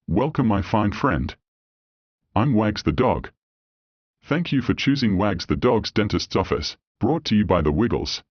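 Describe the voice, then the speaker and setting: A man's voice: on the low side, animated, breathy edge, no room sound, dull audio, voice pushed down. A man doing Wags, a big jolly dog dentist. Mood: welcoming. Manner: fast, cheerful, coaxing talk. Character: large cheerful male dog dentist, scheming.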